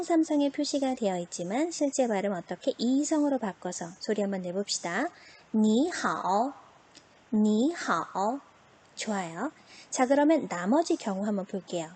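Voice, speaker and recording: Husky-voiced woman teacher, slows way down on example words, asks then answers herself. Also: on the high side, a little mellow. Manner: models pronunciation slowly, asks and answers her own questions. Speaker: Chinese teacher. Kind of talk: online lesson.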